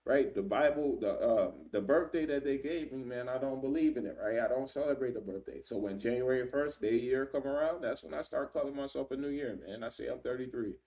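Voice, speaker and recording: This is conversational Bible teaching from a man in his thirties who keeps saying "man" and "right?", reading verses aloud and pausing to search for passages. He has a dark, mid-range voice. The low-quality recording comes from a distant microphone.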